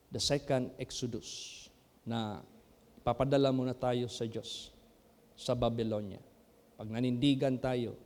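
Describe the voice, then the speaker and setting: A male pastor preaching a sermon, mixing English phrases into his talk, swinging between loud outbursts and quiet stretches. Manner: preaching with big swings in loudness and pitch, mixing English into Tagalog. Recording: echoey hall with long reverb.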